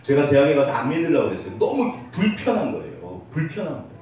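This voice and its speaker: A pastor delivers an earnest sermon full of gentle self-deprecating humor aimed at his congregation. His voice sits on the high side with a darkish tone, very animated and fast. The sanctuary recording is heavily echoey and distant, with a little hiss.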